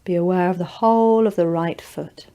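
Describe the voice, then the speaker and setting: In a fairly low-pitched voice, a woman leads a yoga nidra relaxation with gentle, deliberate guidance delivered in short phrases with space between them.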